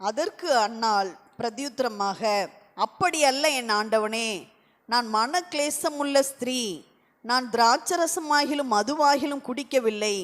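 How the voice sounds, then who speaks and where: A woman reading scripture aloud during a church service with a steady, even delivery. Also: sits high, measured pace. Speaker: scripture reader. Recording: distant in a reverberant church.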